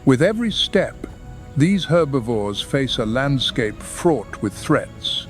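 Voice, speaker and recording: A man narrating a scripted nature documentary in a measured, dramatic delivery. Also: medium pitch, sing-song. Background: background music.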